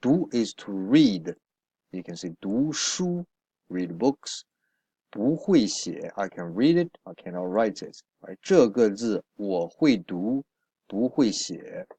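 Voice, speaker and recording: Slow, low-voiced male language teacher. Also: sing-song, dark tone, husky, dry recording. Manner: patient, with frequent "right?" and "uh" fillers. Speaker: Chinese teacher. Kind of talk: casual explanatory lesson.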